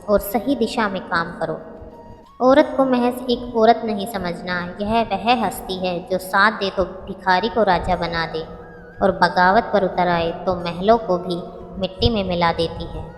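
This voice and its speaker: A woman reading short motivational sayings as scripted narration, in a measured, reflective way. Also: mid-range voice. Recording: long reverb with background music.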